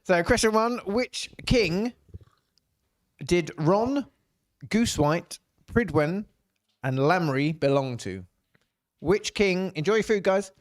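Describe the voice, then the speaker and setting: A man's voice: sits high, animated, takes it slowly, long pauses. A man hosting a casual online family quiz, joking, laughing and repeating each question. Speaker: quiz host.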